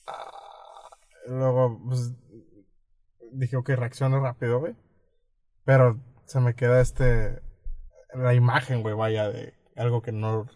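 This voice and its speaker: Mellow-voiced Mexican man telling stories. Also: medium pitch. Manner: rambling, slangy, fills nearly every phrase with "güey". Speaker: podcast co-host. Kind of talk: casual storytelling chat.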